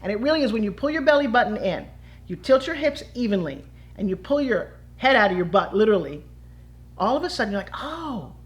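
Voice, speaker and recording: A woman's voice: medium pitch, lively intonation, fast talker. A middle-aged woman teaching a fitness-toy demo in a chatty, enthusiastic way with playful asides. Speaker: brand ambassador and fitness instructor. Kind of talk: instructional demo talk.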